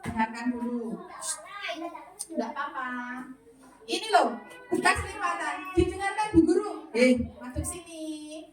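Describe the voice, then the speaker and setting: A woman's voice: high-pitched, expressive, unhurried, long pauses. A woman primary school teacher with a Javanese accent, coaxing children with playful questions. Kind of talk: classroom lesson with children. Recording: roomy, far from mic, noisy class. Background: children chattering.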